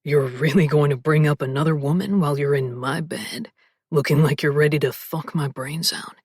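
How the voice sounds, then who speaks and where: A woman narrator voicing a confident, teasing adult male lover in a low, murmuring, half-whispered voice for an audiobook. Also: normal speed, darkish tone, slightly rough, no echo, studio quality. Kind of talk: audiobook character voice.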